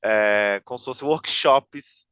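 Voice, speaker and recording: A man's voice: medium pitch, slow pace, a crowd in the background. A man telling a long story in casual podcast chat, rambling with many fillers and restarts. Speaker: podcast guest. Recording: muffled, lo-fi mic sound.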